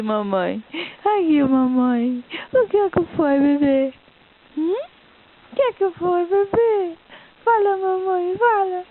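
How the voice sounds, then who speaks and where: Woman cooing baby talk, very high. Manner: coaxing, singsong. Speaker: pet owner talking to her pet. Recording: tinny lo-fi with hiss.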